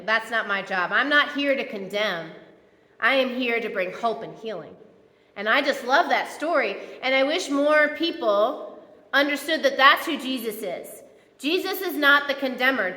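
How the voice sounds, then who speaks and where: A woman's voice: high voice, sharp tone. A woman pastor giving a conversational, playful sermon in a church, acting out the quotes she tells. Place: church sanctuary. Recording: echoey church hall.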